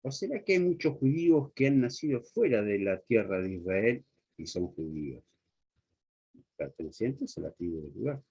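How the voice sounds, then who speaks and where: Man, preacher, sermon, earnest, questions the listener directly, mid-pitched voice, muffled lo-fi sound. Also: a little mellow, slightly rough. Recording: dull lo-fi recording.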